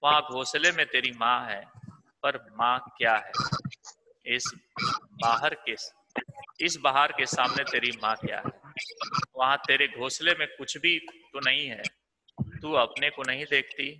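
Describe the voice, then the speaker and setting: Wealthy merchant, coaxing and persuasive, read by a man, slow, noisy recording. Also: mid-range voice, bright, forceful tone. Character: wealthy older merchant coaxing a little bird.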